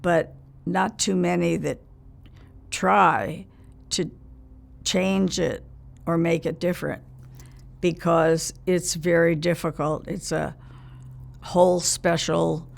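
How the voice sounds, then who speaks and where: A very old woman in her nineties reminiscing in a casual interview, speaking haltingly in short phrases with pauses mid-sentence. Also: on the low side, fairly even intonation. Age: 90s. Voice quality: very old woman's gravelly, creaky voice.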